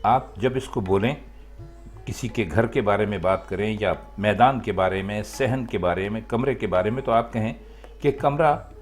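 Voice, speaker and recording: A man giving a measured, deliberate lesson on correct word usage, pausing briefly now and then. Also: fairly low pitch, soft background music. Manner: measured and deliberate, with short pauses and "uh" fillers. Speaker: language teacher.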